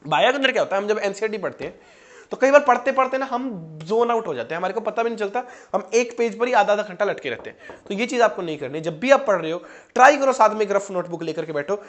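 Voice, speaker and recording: Young male student-tutor, casual direct coaching talk, fairly high-pitched voice. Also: animated, fast. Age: 20s. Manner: chatty, direct, addresses students as "janab" and "bhai". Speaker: medical student teaching exam prep.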